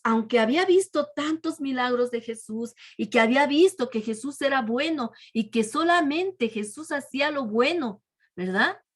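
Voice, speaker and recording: Woman, children's Bible teacher, fairly high voice, storytelling with constant soft question tags. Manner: tags nearly every phrase with a soft, dropping question tag; frequent restarts and fillers.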